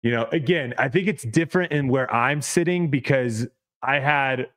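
A man's voice: medium pitch, moderate pace, a bit bright. Rambling male podcast host. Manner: rambling, repeats words, laughs easily. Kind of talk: casual podcast chat with ad read.

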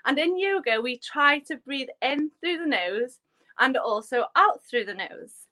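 A Welsh woman guides a yoga breathing exercise and teaches a little Welsh. She speaks slowly and gently, with plenty of ums. Her voice is bright and sits fairly high. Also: expressive. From Wales. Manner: gentle, unhurried, with frequent fillers. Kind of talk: relaxed live-stream lesson.

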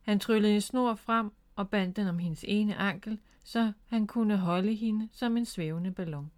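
A woman's voice: medium pitch, a little mellow. Danish woman reading a kids' story. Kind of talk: reading a children's book aloud.

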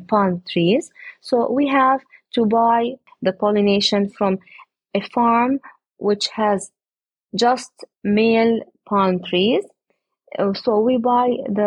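A woman's voice: mid-range voice, slightly rough, no echo, lo-fi sound. A woman, interviewed about growing date palms, explaining earnestly and step by step with frequent hesitations. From Palestine. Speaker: interviewee, date palm grower. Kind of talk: explanatory conversation.

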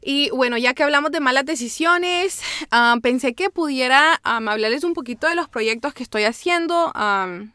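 A woman's voice: sits high, animated, normal speed, few pauses, pushed and bright, clean tone, dry recording, studio quality. Chatty code-switching woman podcaster. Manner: chatty, switches between Spanish and English, many "¿verdad?" tags. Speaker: podcast host. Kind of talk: casual solo podcast monologue.

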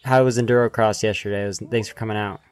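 A man's voice: fairly low pitch, steady tone, fast talker, clear, resonant tone, no echo. A man hosting a podcast, chatting casually as he records outdoors in a backyard. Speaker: podcast host. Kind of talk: casual interview chat.

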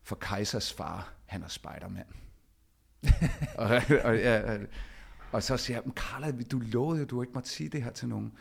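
This is personal storytelling from a podcast host whose voice is gravelly and deep. He stays animated throughout and performs the lines of dialogue he quotes.

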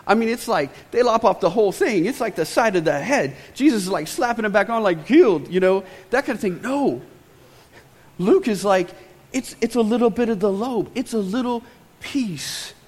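A man preaching a sermon with animated delivery, acting out the voices he quotes and swinging from loud to hushed. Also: high voice. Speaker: pastor. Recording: long hall reverb.

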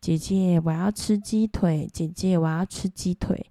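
Little ghost boy, pleading and slow, in a low, soft, dry voice, put on by a woman telling a spooky podcast story. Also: fairly even intonation, dry recording. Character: giggling little ghost boy begging for food.

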